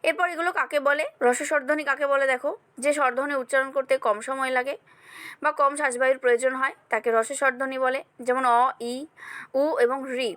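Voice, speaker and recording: A woman teacher with a Bengali accent, going through exam questions in a steady question-and-answer style and speaking directly to her students. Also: sits high, brisk, no echo. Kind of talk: exam revision lesson.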